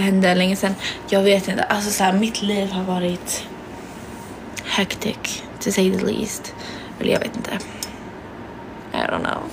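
Young Swedish woman, gravelly livestream chat. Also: mid-range voice, slight background noise, rough recording. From Sweden. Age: young adult. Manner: chatty, swears casually, switches between languages. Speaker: livestream host. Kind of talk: casual chat reading viewer comments. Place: small bedroom indoors. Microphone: phone held close.

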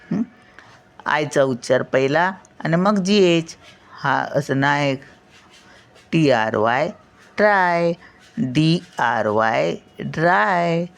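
A woman's voice: low voice, vocal fry. An older woman, a grandmother, teaching children English word sounds, spelling each word letter by letter and then saying it, often checking with a short "hm?". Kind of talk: slow spelling lesson, letter by letter.

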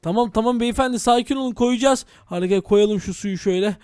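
A man's voice: high voice, fast talker, darkish tone, smooth, no echo, studio quality. A man hosting a game role-play video, talking dramatically to viewers and exclaiming as a village head.

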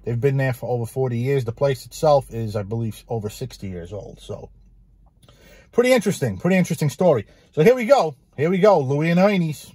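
A man's voice: medium pitch, sing-song, fairly quick, dark tone, breathy edge, no echo. A man hosting a casual food review vlog, talking about pizza with enthusiasm and repeating his phrases for emphasis.

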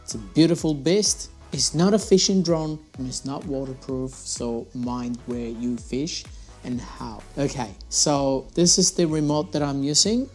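A young man hosting his fishing channel, talking casually through his gear at a desk in a small room on a lapel mic, with slightly phrasing. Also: mid-range voice. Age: young adult. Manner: casual, chatty, slightly non-native phrasing. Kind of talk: gear review vlog.

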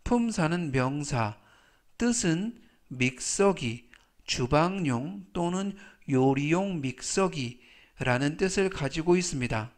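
A man teaching English vocabulary, with Korean as his first language, repeating each word slowly three times in a patient, deliberate way. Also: fairly high pitch, lively intonation. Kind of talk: slow, deliberate vocabulary lesson.

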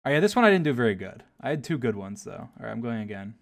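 A man's voice: mid-range voice, very animated, creaky. A young man, arguing and laughing with a friend while playing a geography guessing game. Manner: laughing, argumentative, quick retorts. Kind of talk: casual gaming banter.

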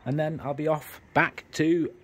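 Holding his phone camera, a man shows viewers around a small rented house, from its terrace outside to the cramped rooms within. He speaks unhurriedly in a fairly even, higher-leaning voice, chatting and explaining in a rambling way.

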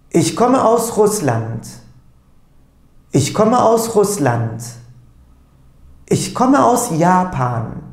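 Slow, deliberate male German teacher. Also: high-pitched, a little mellow, reverberant. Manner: slow, deliberate repeat-after-me drilling. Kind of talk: language lesson at a whiteboard. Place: small indoor room with a whiteboard. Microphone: lapel mic.

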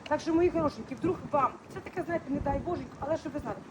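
Woman, chatty walking vlog, high voice, quick talk, street noise behind. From Ukraine. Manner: chatty, affectionate, mixes Ukrainian and Russian words. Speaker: vlogger. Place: outdoors on city streets, then in a clinic hallway.

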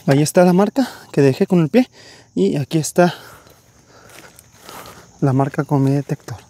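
Young male outdoor vlogger, husky and slightly high, eager chatty narration on a wooded hillside with insects around. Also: moderate pace, mellow. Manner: enthusiastic, addresses viewers as friends. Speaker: treasure-hunting vlogger. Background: crickets and insects.

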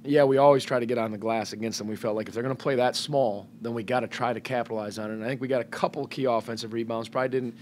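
A man's voice: medium pitch, steady tone, very fast, hardly any pauses, darkish tone, a little hiss or hum. A middle-aged man, a head basketball coach, answering questions at a post-game press conference, speaking thoughtfully with many fillers and restarts into a table microphone. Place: press room in front of a sponsor backdrop.

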